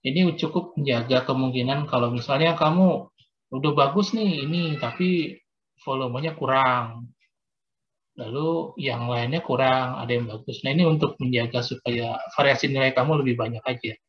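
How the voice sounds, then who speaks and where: A man's voice: mid-range voice, normal speed. A man teaching religion, explaining a practical exam to his students in a casual, patient way with frequent fillers, over a video call. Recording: dull lo-fi video call audio.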